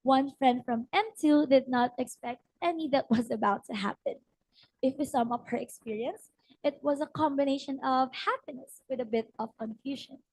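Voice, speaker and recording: A woman's voice: sits high, normal speed, a little mellow, breathy edge, dry recording, rough recording. A young woman, a practice teacher, narrating a short storybook-style presentation with a strained voice and frequent hesitant fillers. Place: ceremony hall.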